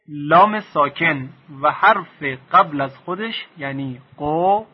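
A man teaching Quranic reading, drawing out each syllable slowly for the listener to repeat. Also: a little high, husky, lo-fi sound. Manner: slow, drawn-out syllables for repetition. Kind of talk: Quran recitation lesson.

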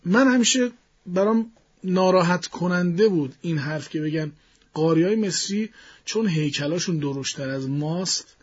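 A man with a fairly high, husky voice explains his ideas to an interviewer, measured and thinking aloud. The sound is dull and muffled, like a studio broadcast. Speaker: guest voice expert.

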